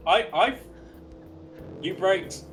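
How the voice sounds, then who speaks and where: A man's voice: high voice, drawn-out words, fairly bright tone, soft background music. A man chatting casually and teasing his friends while racing in a driving game. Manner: wry, teasing, laughs easily. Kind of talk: casual gaming chat.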